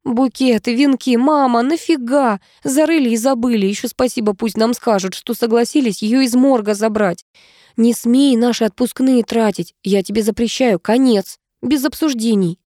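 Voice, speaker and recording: A woman's voice: fairly high pitch, mellow, no echo, studio quality, voice pushed up, lightly acted. Woman doing a brash young blonde, blurting. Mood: dismissive. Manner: blurting, rapid, scornful.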